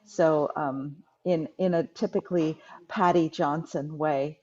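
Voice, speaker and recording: A woman's voice: deep voice, fairly even intonation, a little slow, darkish tone, slightly rough. A woman host introducing a guest over a video call, rambling with many fillers. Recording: dull video call audio.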